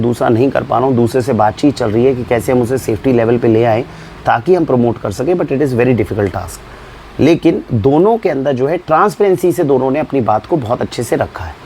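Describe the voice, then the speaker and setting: An Indian man who owns an organic store explains food labels to viewers, with animated, exasperated rhetorical questions. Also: medium pitch, a little hiss or hum. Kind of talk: explainer talk to camera.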